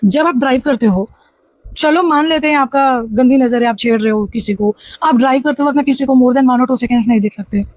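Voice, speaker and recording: Fast, high-pitched woman telling a story. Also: no echo. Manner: animated, rushed storytelling with restarts. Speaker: vlogger. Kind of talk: casual storytime monologue.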